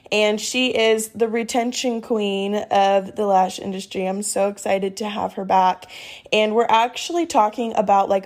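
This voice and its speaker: A woman's voice: on the high side, darkish tone. Bubbly, upbeat woman podcast host. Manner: bubbly, upbeat, filler-heavy with "like" and "um". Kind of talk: casual podcast chat.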